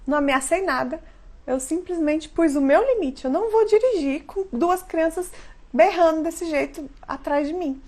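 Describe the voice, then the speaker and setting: Brazilian woman, 30s, parenting coach on a live stream, high bright voice, earnest and emphatic. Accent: Brazilian Portuguese. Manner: earnest, emphatic, often checks in with "né?". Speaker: parenting educator, mother. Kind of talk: live-stream talk to viewers.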